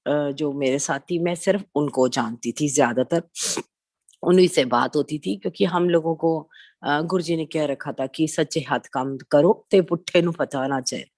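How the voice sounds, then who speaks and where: A woman in her forties speaks in a low voice, recounting her devotional experiences at a satsang. She tells them like a conversational story, mixing in English words and acting out quoted lines. The recording is dry and close, with no room sound. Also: normal speed, darkish tone, no echo. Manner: acts out quoted dialogue in her telling. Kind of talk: personal spiritual testimony.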